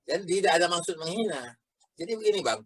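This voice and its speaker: Guy hosting a chat, husky voice, bit high, dry close sound, thinks out loud. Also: lively intonation, fast, dry recording, rough recording. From Medan, Indonesia. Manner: reflective, tells anecdotes. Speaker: talk show host, former editor. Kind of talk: casual discussion.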